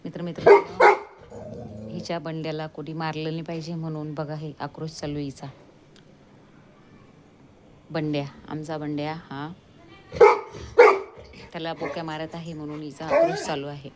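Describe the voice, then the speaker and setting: A woman vlogging at home, calm asides to viewers mixed with high, coaxing baby talk to her dog. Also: moderate pace, long pauses, very noisy. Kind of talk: casual vlog talking to her dog.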